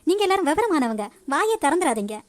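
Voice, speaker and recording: A woman voicing a haughty, quick-tempered middle-aged aunt in a cartoon, scolding and indignant. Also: sits high, very animated. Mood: complaining.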